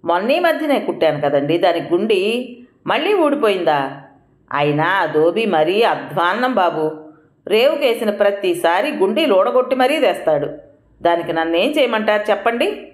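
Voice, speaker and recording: A woman's voice: medium pitch, big pitch swings, normal speed, close to an everyday voice. A woman voicing a busy housewife who answers her husband's complaints with exasperated, defensive replies in a storybook reading. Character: busy patient housewife and mother. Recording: roomy echo.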